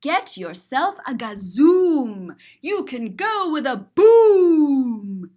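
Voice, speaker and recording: With drawn-out words and a mellow, high-pitched voice, a woman reads a picture book to children in a very animated way. As a teacher and storybook reader, she playfully describes the pictures with lots of expression.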